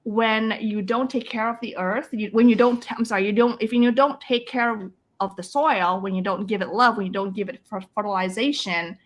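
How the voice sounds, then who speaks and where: Speaking at normal speed with a medium pitch and fairly even intonation, a middle-aged Indonesian woman recounts stories in a casual interview. A life coach, she sounds earnest and reflective, restarts often, imitates what others said, and laughs frequently.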